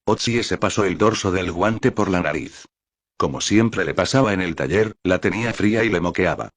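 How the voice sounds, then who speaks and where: A man narrating an audiobook in a measured, even storytelling manner. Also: low voice, slightly rough, dry recording. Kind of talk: scripted narration.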